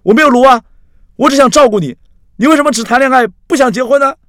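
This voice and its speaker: A man voicing a drunk young man who loudly pleads to marry his girlfriend. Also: very high-pitched, racing, no echo, clean studio sound, pitched above the performer's own voice. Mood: pleading outburst. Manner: loud, pleading, indignant.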